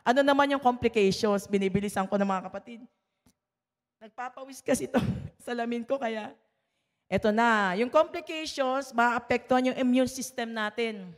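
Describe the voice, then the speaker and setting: A woman's voice: a little high, normal speed, in a large hall. A woman pastor giving a conversational sermon, listing points and often checking in with the listeners through tag questions.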